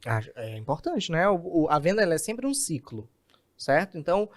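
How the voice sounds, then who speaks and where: A man, a communication specialist, explaining in an animated podcast interview and acting out examples. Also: a little high, moderate pace. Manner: animated, acts out examples in quoted voices.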